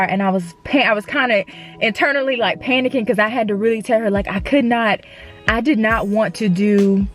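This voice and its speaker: A young adult woman, sharing a personal faith story in a casual, conversational way with frequent restarts and fillers. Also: mid-range voice. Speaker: actress and faith vlogger.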